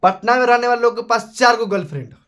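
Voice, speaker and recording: A man's voice: very high voice, fast, fairly bright tone. A young man with a Bihari accent teaching maths in a live class, chatty and scolding, calling his students beta. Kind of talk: casual Hindi live class.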